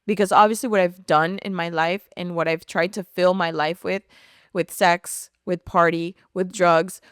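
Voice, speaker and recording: A woman's voice: lowish voice, fairly even intonation, moderate pace, clean tone, no echo, studio quality. A woman telling her personal faith testimony in an earnest, storytelling way, often saying "like". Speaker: podcast guest sharing testimony.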